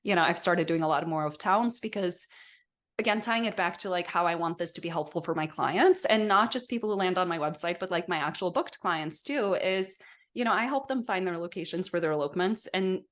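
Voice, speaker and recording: A woman's voice: fairly low pitch, fairly quick, a bit bright. A woman in her thirties from Norway, a photographer guest talking casually on a podcast with lots of "like" and "you know". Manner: chatty, many fillers like "like" and "you know".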